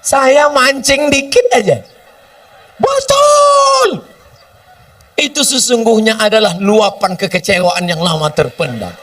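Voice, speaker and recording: A man's voice: high-pitched, normal speed, few pauses, fairly bright tone, far from the mic. A man preaching a humorous sermon, often acting out short dialogues between people. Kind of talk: sermon with question and answer.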